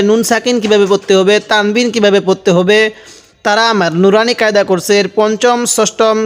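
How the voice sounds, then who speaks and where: In a high-sitting voice, a male Quran teacher gives a slow recitation lesson, spelling out each letter and vowel before chanting the joined word. He patiently points out the reading mistakes people commonly make.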